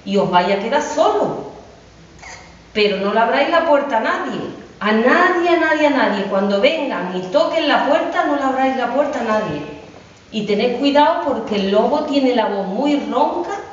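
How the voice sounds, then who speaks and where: A woman voicing a caring mother goat who warns her kids slowly and repeats herself. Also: high-pitched, animated, a little hiss or hum. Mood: warning. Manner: slow, warning, repeats herself. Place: school classroom. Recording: echoey, distant, dull room recording.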